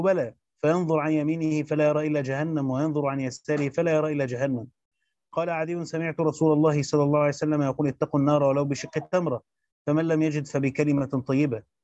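A man reading a Quran commentary aloud as a teacher, rushing through the text and stopping for short explanations. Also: fairly high pitch, a little mellow, dry recording, muffled recording. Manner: rapid recitation with brief spoken explanations.

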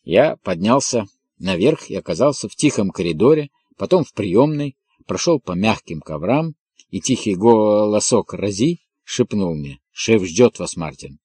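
A man narrating a novel in the first person, calm and measured. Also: on the low side, husky, no echo, studio quality. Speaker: audiobook narrator.

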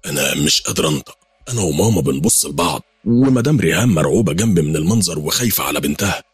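Egyptian male horror narrator, brisk storytelling, very deep voice, fast pace. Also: animated, breathy edge, no room sound, studio quality, soft background music. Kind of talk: first-person horror storytelling.

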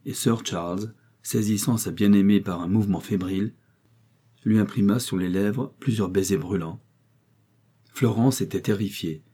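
A man narrating a nineteenth-century novel as an audiobook reader, in a measured literary way with dramatic swells. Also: lowish voice, mellow, husky.

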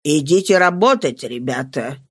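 Give me a reader playing a curt, commanding male landowner in a lowered voice. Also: lively intonation, normal speed, breathy edge, no room sound, clean studio sound. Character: stern male landowner, old sailor. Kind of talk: audiobook character voice.

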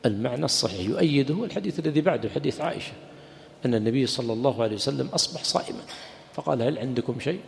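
A man's voice: medium pitch, animated, racing, creaky, long reverb tail. A man, a sheikh, giving a conversational religious lesson in a mosque, asking rhetorical questions and answering them himself, and now and then joking with his listeners. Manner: jokes and laughs with the audience. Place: mosque hall.

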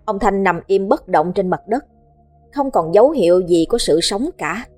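A woman's voice: mid-range voice, lively intonation, moderate pace, darkish tone. Woman reading a ghost story. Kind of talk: scripted ghost story narration. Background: faint background music.

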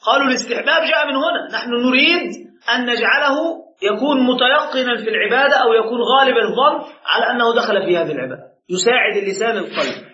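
A man's voice: very high-pitched, fast, sharp tone. A man teaching a jurisprudence lesson as a sheikh, emphatic, with rhetorical questions to his students. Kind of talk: classroom lecture with questions. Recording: echoey room, muffled lo-fi sound.

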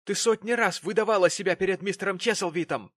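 A man's voice: medium pitch, moderate pace, no room sound, lightly acted. A man doing a pompous hypocritical father. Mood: angry. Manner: sanctimonious, turning to angry shouting. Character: pompous hypocritical middle-aged father, self-pitying.

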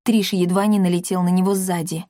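A woman's voice: lowish voice, flat delivery, fairly quick, warm tone, dry recording, clean studio sound. Woman narrating a storybook. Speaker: audiobook narrator. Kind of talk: scripted narration.

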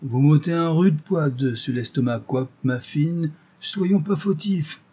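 A man's voice: fairly high pitch, a little slow, warm tone, slightly rough, voice pushed up. A man playing a rustic drawling market gardener. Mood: gruff relief. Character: rustic old market gardener, gruff and blunt.

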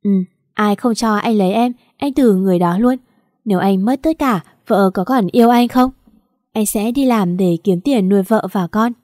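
In a storybook audio drama, a rebellious young man talks back and pleads with his girlfriend, as a woman narrator reads him. The voice is mellow and warm, recorded dry and close. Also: medium pitch, normal speed, dry recording, natural voice. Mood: pleading. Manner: defiant, pleading.

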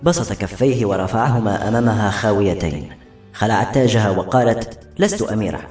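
A man narrating a novel in a brisk, dramatic storytelling manner. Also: fairly low pitch, a little mellow. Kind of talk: audiobook narration. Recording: roomy with faint music.

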